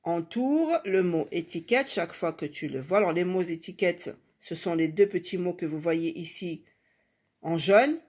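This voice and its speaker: A woman's voice: on the low side, expressive, darkish tone. A woman giving an early reading lesson to children, sounding out words syllable by syllable and repeating them patiently. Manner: slow, syllable-by-syllable, emphatic on key sounds. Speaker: teacher.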